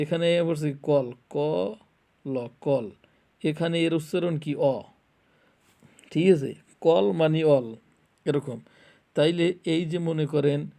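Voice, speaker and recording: A man's voice: a little high, creaky, mellow. A man with a Bangladeshi Bengali accent teaching an English grammar lesson. He asks questions and answers them himself, and repeats the key points. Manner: colloquial and repetitive.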